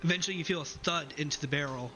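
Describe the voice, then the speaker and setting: A man narrating as game master of a tabletop game, calm and descriptive. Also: a little high, racing, soft background music, poor audio.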